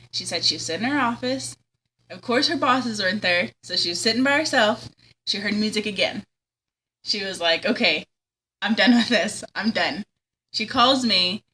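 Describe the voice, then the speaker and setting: A woman's voice: medium pitch, bright, forceful tone, slight background noise, rough recording. A young woman, casually telling a spooky story on the radio, chatty and giggly, acting out the voices she quotes. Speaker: caller telling a ghost story.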